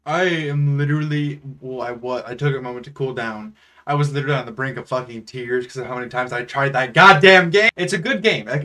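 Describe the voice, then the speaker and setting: A man giving frustrated, profane commentary as he plays a horror game and later wraps up his video. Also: on the high side. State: stressed and sweating. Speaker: gaming YouTuber. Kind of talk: live gameplay commentary. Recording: loud game music behind the voice.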